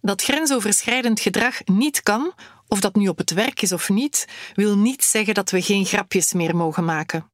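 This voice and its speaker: A woman narrates a documentary in a composed, even read. The voice sits close and dry, with no room around it. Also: medium pitch, normal speed, dry recording. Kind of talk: scripted narration.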